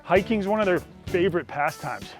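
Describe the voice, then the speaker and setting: A man's voice: high-pitched, animated, brisk, faint music behind. A man hosting a hiking show, chatting casually outdoors on a trail, laughing often and swearing freely. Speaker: show host.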